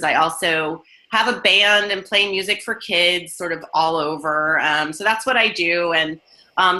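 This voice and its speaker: A woman's voice: lowish voice, pushed and bright, rough recording. A woman from San Francisco, a music educator and student, introducing herself in a chatty, upbeat way on a video call.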